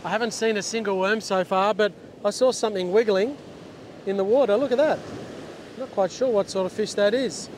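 A middle-aged fishing channel host chats casually while he fishes on an open ocean beach, explaining as he works and restarting sentences in this instructional vlog. His voice sits high and moves fairly quickly, picked up by a clip-on lapel mic over loud crashing surf and wind.

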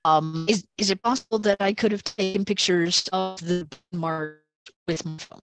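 A woman's voice: fairly low pitch, fairly even intonation, normal speed, faint music behind. A woman chatting casually as a tabletop game player, talking hesitantly with many fillers, her voice coming through a glitchy online group voice chat that cuts in and out. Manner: hesitant, lots of um and uh. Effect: glitchy online group voice chat, cutting in and out.

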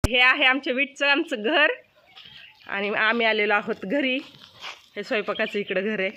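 A woman's voice: fairly high pitch, moderate pace, sharp tone, a little hiss or hum. A middle-aged woman narrating a casual village vlog outdoors, chatty and pointing things out to viewers. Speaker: vlogger. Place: outdoors around a village home and farm. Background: birds and outdoor ambience.

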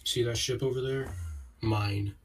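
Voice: mid-range voice, fairly even intonation, a little slow. Jumpy gamer on a far-off, noisy mic. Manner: jumpy, anxious and joking. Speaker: Minecraft server player, guest. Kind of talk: casual gaming chat.

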